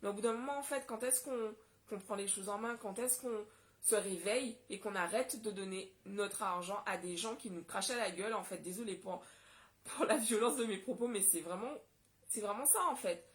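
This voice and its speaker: A woman's voice: medium pitch, normal speed. Impassioned woman vlogger from Guadeloupe. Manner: impassioned, indignant. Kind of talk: casual solo vlog monologue.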